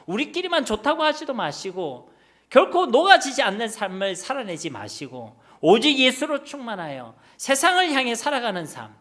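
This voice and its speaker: A man preaching a sermon and leading a prayer as pastor. He asks emphatic rhetorical questions and lets his phrase ends drop off softly. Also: high voice.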